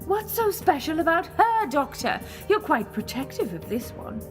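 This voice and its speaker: A woman's voice: sits high, big pitch swings, normal speed. A woman acting in an audio drama as a sly, mocking alien villainess posing as a goddess, theatrical and taunting. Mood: gloating. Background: music.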